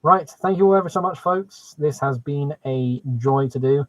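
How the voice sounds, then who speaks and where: A man's voice: on the high side, normal speed, no echo. A man hosting a casual hobby live stream, chatting enthusiastically to viewers through a muffled microphone. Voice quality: muffled sound. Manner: enthusiastic, exclaiming. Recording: muffled microphone, dry close sound.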